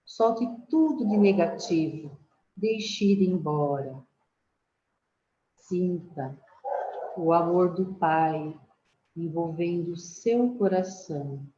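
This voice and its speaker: Very slow, soothing woman guiding meditation. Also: fairly low pitch. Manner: slow, soothing, calm instructions. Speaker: meditation guide. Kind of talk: guided relaxation and prayer. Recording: roomy, slightly dull audio with faint noise.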